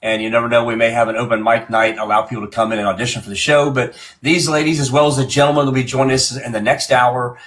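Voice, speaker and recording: A man's voice: medium pitch, fairly even intonation, quick pace, hardly any pauses, fairly bright tone. A man hosting a live-stream music show in a casual, chatty way, often repeating and restarting his phrases.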